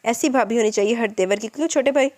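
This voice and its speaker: A woman's voice: on the high side, fast, a little mellow, lightly acted. A woman reading the lines of a cheeky young man who boasts and mocks, raised a little above her narration. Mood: teasing. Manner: mocking, boastful.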